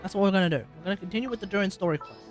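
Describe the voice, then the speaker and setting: A woman with a medium-pitched voice talks very fast while livestreaming a game, rambling casually and thinking out loud. Faint music plays in the background.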